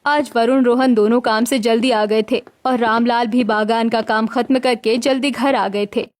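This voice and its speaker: A woman's voice: on the high side, steady tone, moderate pace. Woman narrating a cartoon story.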